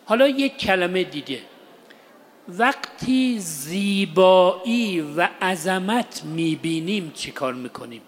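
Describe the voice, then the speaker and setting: A man giving an explanatory religious lesson in short, paused phrases. He asks his listeners rhetorical questions and recites Arabic phrases slowly. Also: high voice, lively intonation. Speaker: religious teacher. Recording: long hall reverb.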